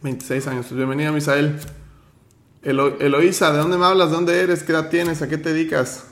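A man's voice: a little high, flat delivery, brisk, fairly bright tone, roomy sound. A man hosting an online finance workshop, teaching with motivation and firmly running roll call. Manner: firm, direct, gives instructions.

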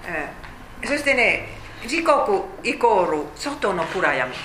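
A woman's voice: medium pitch, big pitch swings, slow, a bit bright, echoey room, slight background noise, rough recording. A woman teaching a Bible study, explaining chattily with fillers and asides.

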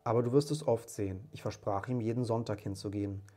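A man voicing a loving, grieving father of a poor family, speaking warmly and tenderly. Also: lowish voice, fairly even intonation, quick pace, faint music behind, lightly acted.

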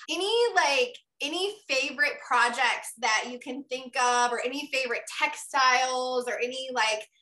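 Bright, eager woman host. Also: sits high, normal speed, roomy sound. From United States. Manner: enthusiastic, effusive, many fillers. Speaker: podcast host. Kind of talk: casual interview conversation.

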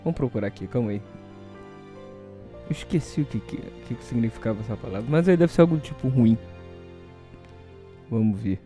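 Hungover Brazilian man, very dark mellow voice. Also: medium pitch, animated, fairly quick, long pauses, soft background music. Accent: Brazilian Portuguese. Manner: hesitant, rambling. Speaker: solo show host. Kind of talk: casual rambling monologue.

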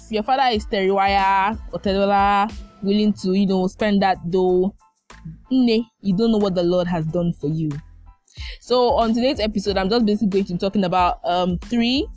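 A woman's voice: mid-range voice, a little mellow. A young woman with a Nigerian accent hosting a casual solo podcast, chatty and emphatic, repeating phrases for effect. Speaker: podcast host.

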